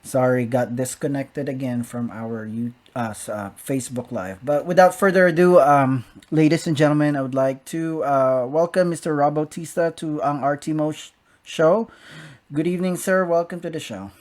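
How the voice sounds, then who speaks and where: A man's voice: on the high side, moderate pace, a little mellow. A man hosting a live-streamed interview show, apologetic and flustered by technical glitches. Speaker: host.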